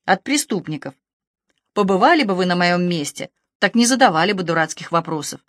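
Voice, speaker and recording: A woman voicing a haughty, sharp-tongued rich woman who talks down to the police, with cutting sarcasm. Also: fairly low pitch, lively intonation, a little fast, dry recording, clean studio sound, natural voice. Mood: imperious, sarcastic. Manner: sarcastic, imperious.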